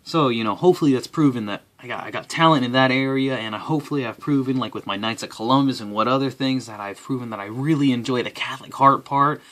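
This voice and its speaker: A young man talking casually to the camera as an applicant, with a dry, deadpan delivery. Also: medium pitch, quick pace, few pauses. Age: young adult.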